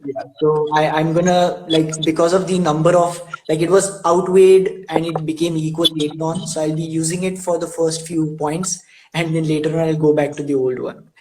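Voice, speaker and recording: A young male host with a slightly high voice chats with an old school friend over a video call. He laughs often, hesitates and stumbles over repeated words as he asks his questions. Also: level tone, moderate pace, darkish tone, slight background noise, low-quality recording. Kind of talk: casual video-call interview.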